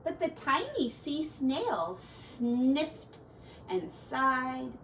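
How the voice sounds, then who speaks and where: A woman reads a children's storybook aloud at a very slow, deliberate pace. Her delivery is theatrical and lively, with big swings in pitch and stretched-out key words. She sounds a little distant in an echoey room. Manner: theatrical, drawn-out key words with hushed asides. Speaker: teacher reading a picture book to children. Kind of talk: expressive read-aloud of a rhyming children's storybook with asides. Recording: roomy echo, distant mic, faint noise.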